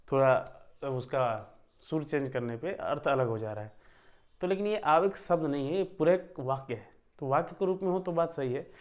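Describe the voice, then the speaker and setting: A young man teaching an online class, explaining step by step with filler pauses and frequent check-ins. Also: a little high. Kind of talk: online lecture.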